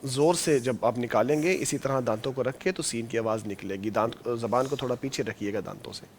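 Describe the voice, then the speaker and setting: A man with a Pakistani Urdu accent teaching Quran recitation, gently correcting and encouraging his pupils step by step. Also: mid-range voice, slight background noise. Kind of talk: patient classroom instruction.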